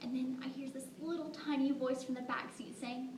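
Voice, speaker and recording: A woman's voice: high voice, little pitch movement, brisk, darkish tone, lightly acted. A woman playing a devoted young mother in a dramatic monologue, telling stories conversationally with asides to listeners. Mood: earnest, amused. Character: devoted young mother fondly recalling her daughter. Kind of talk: dramatic monologue performed at a competition. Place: echoing room, recorded from a distance. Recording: roomy, distant mic with faint noise.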